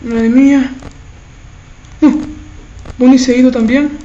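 High-voiced tense woman. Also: fairly even intonation, takes it slowly, mellow, dull audio. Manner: tense self-talk, muttering and frantic exclaiming. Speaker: gaming channel host. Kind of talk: horror game commentary.

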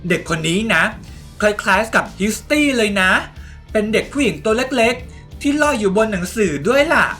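Animated woman retelling a game story. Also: a little high, moderate pace, faint music behind. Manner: animated, chatty, addresses viewers.

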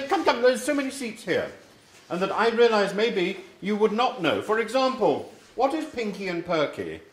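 An older English man teaching a class, rambling through his points with many ums and restarts in an echoey classroom with faint hiss. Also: high-pitched. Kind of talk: informal classroom talk.

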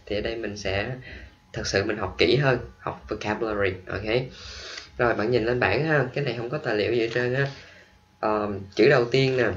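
A man's voice: mid-range voice, a bit bright, lo-fi sound. Vietnamese-accented male English teacher. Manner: switches between quick explanations and slow drawn-out model pronunciations. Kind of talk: classroom vocabulary lesson.

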